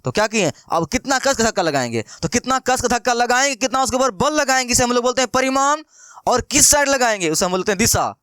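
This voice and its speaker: A man's voice: extremely high pitch, expressive, fast, a bit bright, clean tone, dry recording, studio quality. A young man teaching math in a casual classroom style, chatty and playful, who keeps asking questions and answering them himself. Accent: Bihari Hindi. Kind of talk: casual classroom lesson explaining with everyday examples.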